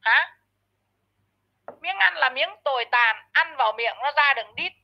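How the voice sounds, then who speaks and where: A woman with a high voice rants in a commentary video, heaping harsh insults and tripping over repeated words as she scolds. The audio is dull and lo-fi. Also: expressive, a little slow, creaky. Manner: frequent stammered repeats. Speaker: online commentator. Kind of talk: ranting commentary vlog.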